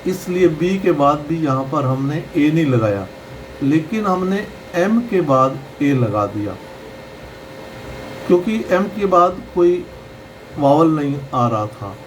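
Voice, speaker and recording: A man teaching pronunciation in a slow, explanatory lesson, patiently repeating each sound. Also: fairly high pitch, lively intonation, a little hiss or hum, low-quality recording.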